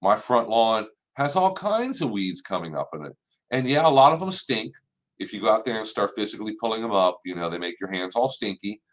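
A man in his sixties hosting a live online plant clinic from his office, giving practical advice in a relaxed, conversational way with the odd filler. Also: lowish voice, a little fast. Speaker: extension horticulture host. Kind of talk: live-stream gardening Q&A. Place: office with framed certificates on the wall.

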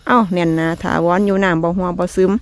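A woman's voice: on the low side, fairly even intonation, fast talker. A woman with an Isan accent hosting a casual garden vlog, talking in a folksy, chatty way to her viewers and laughing often. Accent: Isan (Northeastern Thai). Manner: chatty, folksy, ends phrases with soft polite particles, laughs often. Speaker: vlog host. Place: rural home garden, outdoors.

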